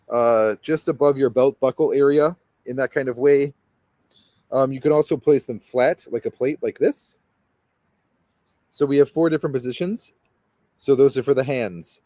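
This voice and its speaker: A man's voice: medium pitch, warm tone, no room sound. A man leading a guided meditation as a spiritual guide, talking in a rambling, hesitant way full of fillers and restarts.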